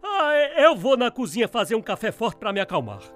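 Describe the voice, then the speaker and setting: A man playing a gruff, protective father in an amateur radio drama, blustering and exclamatory. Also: extremely high pitch, very animated, a little fast, music in the background. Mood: agitated. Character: middle-aged father, gruff, protective, hot-tempered.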